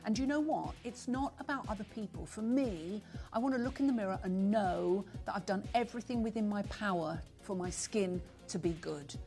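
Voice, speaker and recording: A woman's voice: medium pitch, dark tone, faint music behind. A woman in her sixties presenting on a live shopping channel, chatty and urgent as she rattles off buyers' names. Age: 60s. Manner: chatty, rapid roll-call of buyers, upbeat urgency. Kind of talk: live TV sales pitch.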